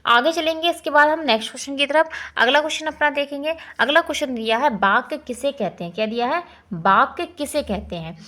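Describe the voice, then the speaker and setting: A woman's voice: high voice, expressive, brisk, pushed and bright. A woman teacher with an Indian accent going through exam questions and answers, echoing each answer back as a quiz question. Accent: Hindi-belt Indian. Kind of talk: exam-prep lesson.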